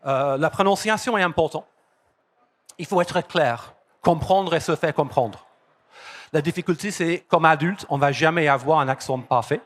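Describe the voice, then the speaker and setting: A man with an English accent and a somewhat raised pitch gives a lively conference talk. He is from London, and the language is not his first. He drives home key phrases by repeating them. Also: normal speed. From London, England. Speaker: conference speaker. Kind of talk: conference presentation. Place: conference hall.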